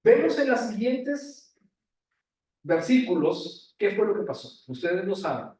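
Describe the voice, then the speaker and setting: A man's voice: high-pitched, sing-song, measured pace, darkish tone, recorded from a distance. A male pastor preaching a sermon who tells the story, asks the congregation questions and checks in with them often. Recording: very echoey room, voice from afar.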